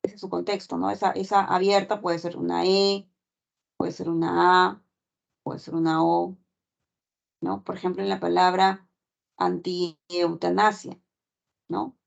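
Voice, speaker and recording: A woman's voice: lowish voice, level tone, moderate pace, vocal fry, long pauses. A woman teacher giving a class lecture, explaining step by step and checking in with constant tag questions. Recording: dull lo-fi recording.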